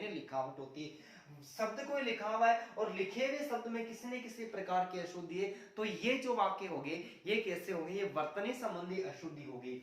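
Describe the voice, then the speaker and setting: A man teaching a grammar lesson for exams. He asks questions and answers them himself, and keeps calling his viewers "friends". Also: sits high. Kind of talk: exam-prep grammar lesson. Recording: very echoey room, voice far from the mic.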